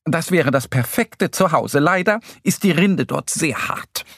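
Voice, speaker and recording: A man's voice: fairly high pitch, animated, measured pace, creaky, fairly bright tone, no echo, studio quality, voice pushed up, full character voice. A man doing a cheeky grinning woodpecker. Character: male woodpecker, busy and cheeky. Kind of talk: storybook reading for children.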